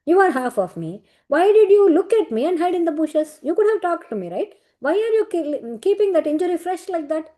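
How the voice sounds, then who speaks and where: A woman's voice: extremely high pitch, very animated, dark tone, voice pushed up. A woman voicing Varaha, a male divine boar lord, who fires worried questions at a wounded companion. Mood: worried, questioning. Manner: pressing rapid questions.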